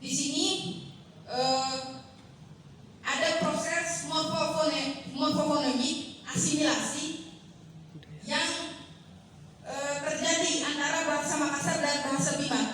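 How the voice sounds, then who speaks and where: A young woman giving a seminar presentation, halting and apologetic, with many fillers and self-corrections. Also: high-pitched, a bit bright, a little hiss or hum. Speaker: student presenter. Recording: very echoey room, voice from far off.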